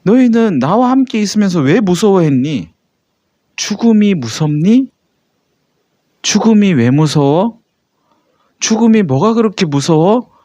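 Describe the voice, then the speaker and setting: A pastor voicing a chiding Jesus. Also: male voice, high-pitched, lively intonation, unhurried, pauses often, mellow, dry recording, pitched above the performer's own voice. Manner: chiding rhetorical questions. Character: Jesus gently scolding his frightened disciples.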